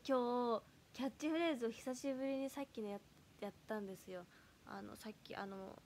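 A woman in her early twenties hosting a casual livestream, chatting and reading fan comments aloud, her voice flipping upward when she gets loud. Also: on the high side. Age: early 20s. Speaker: idol livestream host.

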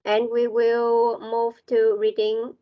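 A woman's voice: fairly high pitch, monotone, extremely slow, highs cut off. A Vietnamese woman teaching an English class online, switching between Vietnamese and English as she corrects pronunciation.

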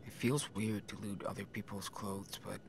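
Gravelly, weary teenage boy. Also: lowish voice, fairly even intonation, normal speed, a little hiss or hum. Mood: weary musing. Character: weary, caring teenage big brother.

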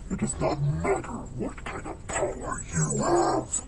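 A man voicing a brooding boy turned dragon beast, gravelly, ominous and dramatic, in a homemade fantasy story. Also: a little high, huge pitch swings, slow, heavily acted. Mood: menacing. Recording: noisy homemade recording.

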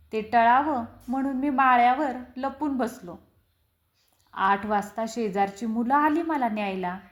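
A woman reading a children's story aloud in an expressive, deliberate storytelling manner. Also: on the high side. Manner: slow, expressive, acts out quoted lines. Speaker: story reader. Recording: roomy echo.

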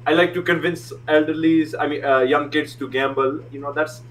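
A young man from India on a video call, trolling a dating-show date with deadpan, halting talk full of repeated words. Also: a little high, recorded from a distance. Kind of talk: joking video-call banter. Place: small room at home. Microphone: headset on video call. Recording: noisy video call line.

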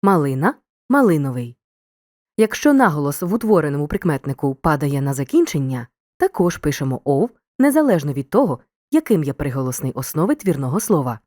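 Woman narrating a lively video lesson. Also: sits low, no echo, clean studio sound. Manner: clear, deliberate dictation of examples. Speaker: teacher.

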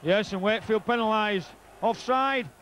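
Middle aged yorkshire bloke calling a rugby match, highish voice, bit of ground noise behind him. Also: male voice, moderate pace, a bit bright. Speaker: co-commentator, former player. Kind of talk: live rugby league match commentary. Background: stadium ambience and crowd.

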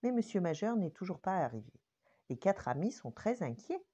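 An older woman, a grandmother, narrating a children's bedtime story in a gentle, expressive way. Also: fairly low pitch, moderate pace, slightly rough, muffled recording.

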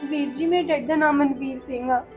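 A woman's voice: high voice, fairly even intonation, a little fast, dull audio, faint music behind, natural voice. A young woman playing a wife beaten by her in-laws, crying and pleading in a village family drama. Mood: tearful. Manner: pleading and tearful.

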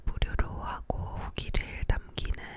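This is a young ASMR creator's whispered, casual talk about ordinary life, recorded in her living room. She leans very close to the microphone, which sits near her mouth for ear-to-ear sound, and murmurs softly without rushing.

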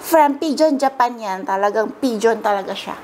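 A young woman from the Philippines chatting casually through an unboxing haul at home, gushing and excited. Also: a little high, moderate pace, background noise. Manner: excitable, gushing, squeals and laughs often. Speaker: vlogger.

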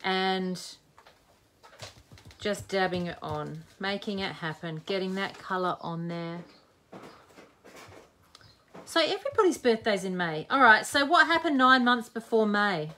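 Animated yet measured, with long pauses, this craft video host in her forties has a mid-range voice with a sharp tone and a little hiss or hum in the recording. She chats and jokes through a live demo, thinking aloud while working on the project.

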